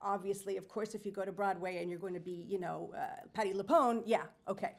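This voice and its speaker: A woman's voice: medium pitch, steady tone, fairly quick, gravelly. A woman in a community discussion, talking eagerly and at length about theater and the arts. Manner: talkative, enthusiastic, with restarts. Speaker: community panel participant, theater enthusiast. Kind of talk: casual discussion.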